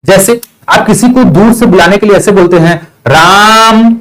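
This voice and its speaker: A man's voice: sits high, brisk, rough recording. A male teacher with an eastern Uttar Pradesh Hindi accent, giving a classroom grammar lesson, explaining step by step, asking questions and answering them himself, and drawing out vowel sounds as examples.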